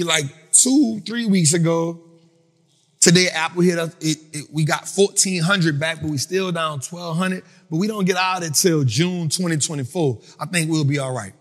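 A man hosting a finance talk for a live audience, in a casual, animated storytelling style that acts out other people. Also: fairly high pitch, long reverb tail. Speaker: finance speaker and host. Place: event venue with an audience.

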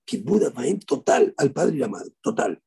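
A middle-aged rabbi with an Argentine Spanish accent delivers a eulogy sermon as animated storytelling, repeating his key phrases. His voice is deeply raspy and full of gravel. His pitch swings widely as he talks. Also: normal speed.

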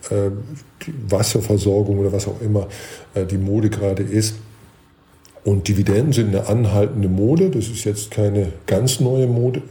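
A man, a guest expert, explaining investing in a measured way, with many fillers and restarts. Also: on the low side, mellow. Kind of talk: explanatory podcast talk.

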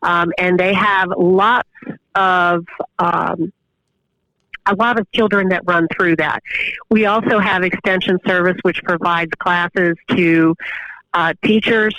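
A woman professor answering interview questions over the phone, explaining at length with pauses and fillers. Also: fairly low pitch, steady tone, a bit bright, no echo. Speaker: guest professor of exercise science. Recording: dull, muffled phone line.

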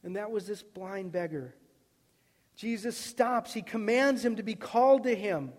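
A man preaching a sermon as a pastor, emphatic and repetitive, swinging between loud cries and soft, hushed lines. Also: high voice, unhurried. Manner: emphatic, repeats words, builds to loud cries then drops soft. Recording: long reverb of a hall.

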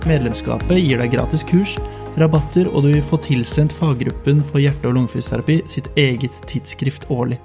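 A man reads a scripted introduction in a steady, even voice. Music plays clearly underneath throughout. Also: mid-range voice, fairly quick. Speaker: announcer. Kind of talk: scripted read.

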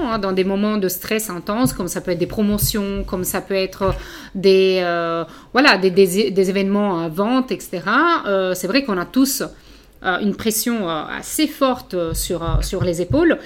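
A woman with a medium-pitched voice acts as interviewer. She talks in a chatty, friendly way and fills her pauses often. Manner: friendly, chatty, with many fillers. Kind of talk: casual interview.

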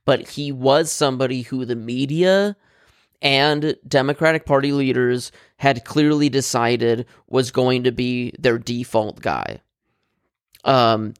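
A man's voice: mid-range voice, gravelly, no echo, studio quality. A man co-hosting a casual political chat, blunt and opinionated, swearing freely and rambling with fillers and restarts.

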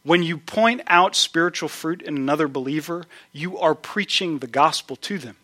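A man in his thirties preaching a sermon as pastor, earnest, with lively storytelling. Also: on the high side, moderate pace.

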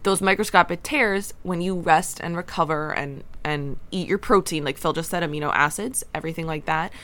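A woman's voice: fairly low pitch, fairly quick, fairly bright tone. A young woman co-hosting a fitness podcast, chatting casually and explaining with everyday examples and lots of fillers. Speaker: podcast co-host, trainer.

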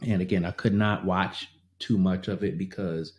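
A man's voice: deep voice, fairly even intonation, moderate pace, reverberant. A man talking straight to his viewers in a casual, earnest way, growing indignant and repeating himself as he reacts. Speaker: vlogger. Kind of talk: casual commentary to camera.

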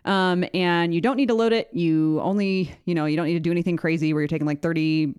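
A woman's voice: fairly low pitch, steady tone, fast talker, darkish tone, clean tone, dry recording, clean studio sound. A young woman co-hosting a fitness podcast, laid-back and self-mocking in casual chat. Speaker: podcast co-host, fitness coach.

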